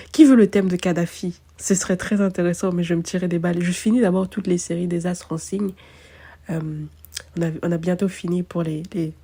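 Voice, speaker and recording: A woman's voice: fairly low pitch, warm tone. A woman, an astrologer chatting casually and self-mockingly, thinking aloud with many fillers. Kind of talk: casual chat to camera.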